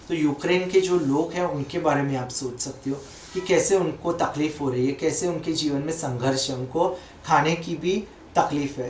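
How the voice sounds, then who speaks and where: A man leads a guided meditation in a calm, gentle voice, drawing out each phrase and leaving long pauses. His voice sits a little high and moves very slowly. He sounds some distance from the mic in an echoey room. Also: slight background noise. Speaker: meditation teacher.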